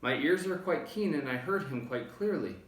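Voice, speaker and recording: A man voicing a gentle, protective storybook elephant who speaks sincerely and pleadingly. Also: fairly high pitch, lively intonation, normal speed, voice pushed up, natural voice. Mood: earnest pleading. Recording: roomy, distant microphone.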